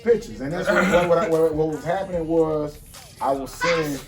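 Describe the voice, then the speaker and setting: A man in his forties, speaking casually and telling his life story in a relaxed, street-wise way as the guest of an interview. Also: fairly high pitch, fairly quick, distant mic, music in the background. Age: 40s. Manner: relaxed street-wise storytelling, frequent "you see what I'm saying". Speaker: guest entrepreneur.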